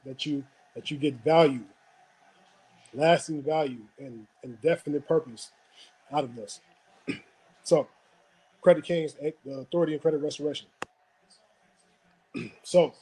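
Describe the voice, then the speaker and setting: A man hosting a motivational webinar, telling a story and often checking in with a quick "right?". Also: fairly high pitch, dark tone, slightly rough, rough recording. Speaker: webinar host.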